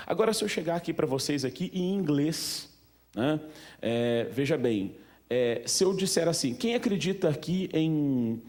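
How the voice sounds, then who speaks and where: At a museum event, a man with a Brazilian Portuguese accent gives an informal, chatty talk, peppering the audience with questions and many fillers. His voice is on the high side but dark in tone.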